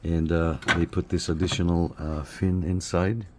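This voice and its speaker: In this casual hands-on review, a Canadian man operates radio gear and often repeats brief phrases. He speaks at a normal speed in a low, flat voice, with clear background noise in the recording.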